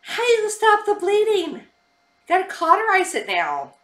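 A woman's voice: extremely high pitch, wildly swooping pitch, normal speed, fairly bright tone. A woman sitting on a living room couch, casually reacting to a horror film with dry, critical remarks. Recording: film soundtrack playing behind.

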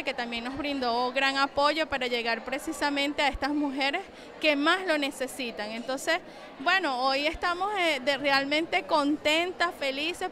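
A woman's voice: sits high, slight background noise. A Venezuelan woman in her forties, a bank coordinator, explaining a loan program in a street interview in a crowded hall. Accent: Venezuelan Spanish. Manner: steady, official-sounding explanation. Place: large crowded community hall. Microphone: handheld reporter mic. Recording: music playing underneath.

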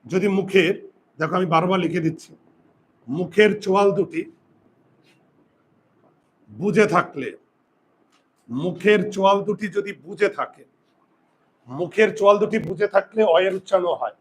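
A Bengali grammar teacher with a high voice teaches a pronunciation lesson in class at normal speed, with long pauses, on a rough recording. He drills the rules repeatedly and keeps asking his students questions.

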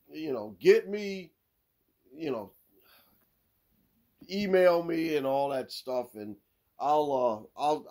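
A man hosting a sports podcast, telling corny jokes in a casual way and laughing at his own punchlines. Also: medium pitch. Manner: lively, swings between loud and mumbled. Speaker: podcast host.

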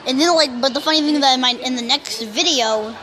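A youngster who can't pronounce R's, saying w instead, rambling loudly through casual gameplay commentary. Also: high voice, a little fast, noisy background. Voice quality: speech impediment, cannot say R's correctly, says w for r. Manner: rambling, self-described loud talker. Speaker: YouTuber.

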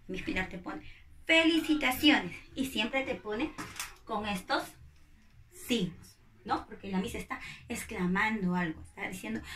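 Patient teacher, higher-voiced woman. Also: a bit bright, roomy sound, slight background noise. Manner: patient, asks pupils questions and answers them herself. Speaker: primary school teacher. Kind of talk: recorded grammar lesson for young children.

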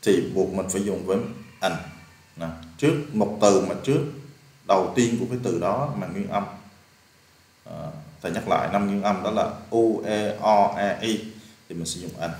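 A man's voice: lowish voice, darkish tone, reverberant. Vietnamese man patiently explaining English exercises. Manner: patient, explains step by step, repeats key words. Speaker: English teacher.

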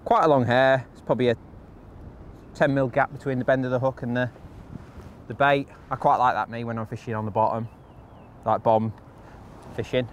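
A man's voice: medium pitch, fairly even intonation, moderate pace, pauses often, highs cut off, a little hiss or hum. Man explaining a fishing setup. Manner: practical, chatty step-by-step explaining. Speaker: angler demonstrating fishing rigs, channel host. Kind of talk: instructional how-to talk. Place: outdoors by a lake on a windy day.

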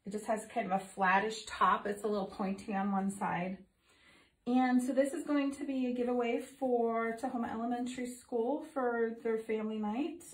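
A middle-aged art teacher chats through a casual painting demo at her home studio, sprinkling in many ums. Her fairly high voice holds a steady tone at a moderate pace but sounds a touch off from recent illness. Because the overhead phone camera is off to one side, her voice comes through off-mic and echoey.

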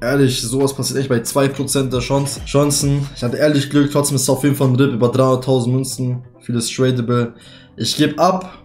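Dramatic young frat-bro gamer, echoey room. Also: male voice, medium pitch, level tone, fairly quick, darkish tone. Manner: laddish frat-bro talk, slangy and dramatic. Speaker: gaming video host. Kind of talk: casual gameplay commentary. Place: small dark gaming room at home. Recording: echoey room, faint music behind.

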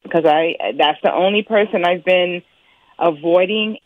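A woman's voice: fairly low pitch, normal speed, no echo. Blunt woman on a tinny phone line. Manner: blunt, frank and exasperated. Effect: heard over a speakerphone line. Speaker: caller, nurse at a pediatrician's office.

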